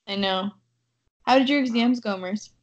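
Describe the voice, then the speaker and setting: A woman's voice: on the high side, normal speed, lo-fi sound. A young woman in her twenties hosting a casual podcast, chatty and giggly. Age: 20s. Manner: chatty, giggly, says "oh my goodness" often. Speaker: co-host.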